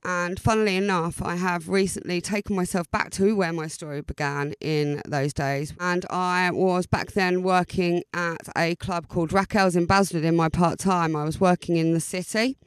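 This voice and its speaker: Smooth-voiced Essex woman, chatty podcast host. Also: on the low side, steady tone, moderate pace, few pauses, dry recording. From Essex, England. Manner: chatty, hesitant, often repeating words for emphasis. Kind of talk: informal autobiographical podcast monologue.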